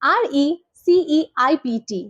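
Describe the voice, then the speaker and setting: A woman gives a pronunciation lesson in a high, very lively voice. She quizzes the listener and then says each correct word slowly, twice over. The recording sounds slightly dull and lo-fi. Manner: asks the viewer questions, then repeats the correct word slowly. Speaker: English pronunciation teacher.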